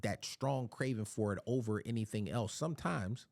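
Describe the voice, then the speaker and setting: A man's voice: lowish voice, moderate pace, creaky, a little mellow, no echo, studio quality. A man from Philadelphia giving a casual Bible teaching, often repeating words as he searches for his phrasing.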